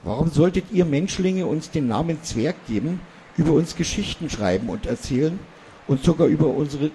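Mani, a man doing a high cheeky dwarf. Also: expressive, normal speed, mellow, a little hiss or hum. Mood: lecturing. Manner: scolding, lecturing about humans. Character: small old male dwarf, cheeky and wise.

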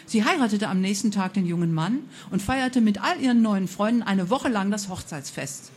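A woman telling a fairy tale aloud, expressive, with a few slips and self-corrections. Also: mid-range voice, moderate pace, slight background noise. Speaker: storyteller.

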